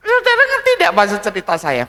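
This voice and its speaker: A male pastor preaching a sermon, telling a story and acting out its characters, building to loud shouted climaxes. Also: sits high, fast. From Indonesia. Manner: animated, acts out characters, rises to shouting climaxes. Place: large church hall. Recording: long church hall reverb.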